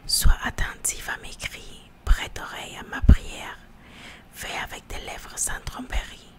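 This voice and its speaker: Slow, whispering woman reading scripture. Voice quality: hushed library-style whisper, mostly unvoiced. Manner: slow, halting reading with repeated words.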